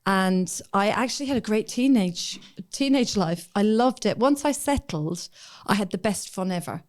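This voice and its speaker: Podcast guest: woman, fifties, reflective storyteller, mid-pitched. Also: expressive, normal speed. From Ireland. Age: 50s. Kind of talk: casual chat.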